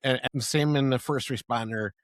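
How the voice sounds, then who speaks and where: A man's voice: mid-range voice, moderate pace, no room sound. Rambling, enthusiastic male podcast host. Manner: rambling, restarts, enthusiastic shout-outs. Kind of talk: conversational podcast interview.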